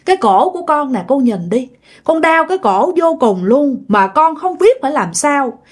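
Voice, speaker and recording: A heartbroken young ghost girl, put on by a woman storyteller, begs for help and says the same things over and over. Her voice rides high and swings widely as she pleads. It is a plaintive spoken ghost-story performance. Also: very animated, normal speed. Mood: anguished pleading. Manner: plaintive, repeating her pain. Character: grieving young female ghost, sobbing and pleading.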